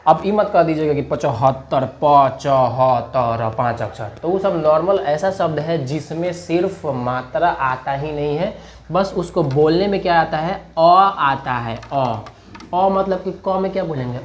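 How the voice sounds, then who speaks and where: A man teaching a spoken lesson, chatty, often checking whether learners follow and repeating example words slowly to show their sounds. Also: a little high, slight background noise. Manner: chatty, keeps asking learners if they understand. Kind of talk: spoken Hindi writing lesson.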